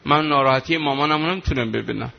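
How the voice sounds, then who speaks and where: Man preacher doing a hurt little boy, plaintive, gravelly, muffled recording. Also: mid-range voice, close to an everyday voice. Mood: sulking.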